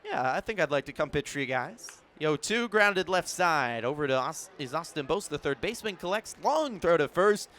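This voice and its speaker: This is a fairly high-pitched American man doing sports play-by-play. He keeps it measured between plays, then rises into excited calls.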